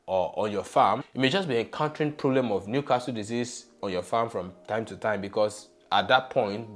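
On his poultry channel, a young man with a fairly low-pitched voice explains a hands-on demonstration one step at a time, stressing key points. He's wearing a lapel mic in a small studio room.

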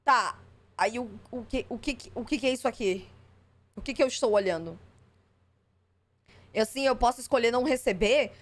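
Brief: high-voiced woman streamer, skeptical and exasperated live reaction, salty language. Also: moderate pace, long pauses. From Brazil. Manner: skeptical, exasperated, swears freely.

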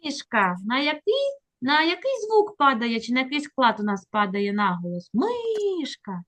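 Fairly high-voiced woman teacher coaxing a small pupil over a video call, slow and kind. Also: expressive, fairly bright tone. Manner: patient, encouraging, slow coaxing prompts. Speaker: literacy teacher. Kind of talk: online reading lesson with a child.

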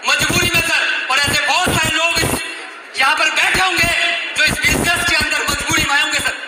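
A man in his thirties giving an emphatic, shouted motivational speech on a stadium stage, often repeating his lines. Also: very high-pitched, steady tone, a little fast. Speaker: speaker at business event. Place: large indoor stadium stage. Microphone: far phone camera in audience. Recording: echoey stadium from far off. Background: loud crowd noise.

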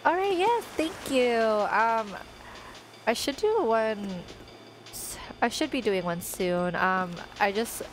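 A native Tagalog speaker in her twenties chats casually from her bedroom on a headset, rambling and filling gaps as she plays a life-sim game with its music in the background. She speaks slowly in a slightly high, animated voice, and the audio is poor with slight background noise.

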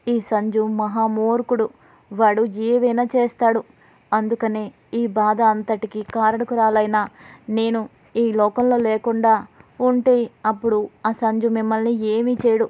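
A despairing young wife from a family drama retelling pleads in a fairly high voice, read out by a woman. Her confession is anguished and the delivery stays flat. The sound is slightly dull. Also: unhurried, close to an everyday voice.

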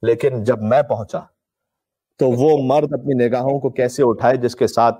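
A preacher's mid-range, dark-toned voice moves at a moderate pace with fairly even intonation. Live-streamed from a room adorned with draped religious banners, his impassioned sermon is emphatic, declamatory and mournfully told.

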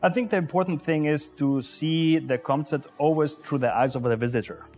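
A man in his forties, a pavilion official, answering interview questions in a halting way with many filler sounds, recorded on a lapel mic inside an exhibition hall. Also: fairly high pitch, darkish tone, faint music behind. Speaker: pavilion deputy commissioner general.

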